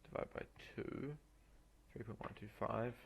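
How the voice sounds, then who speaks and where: A man working through exam problems aloud as a tutor, halting and muttering through each step in an informal way. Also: on the low side, steady tone, vocal fry. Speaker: maths tutor. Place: voice-over on a screen recording.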